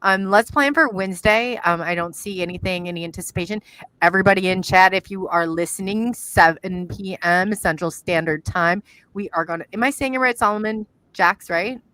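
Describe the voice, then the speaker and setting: This podcast host, a middle-aged woman with an Iowan accent, chats casually on a live stream through a video call, wandering in her talk and trailing off as she handles the screen. Her mid-range voice is sharp and clean at a moderate pace, in a dry, low-quality recording.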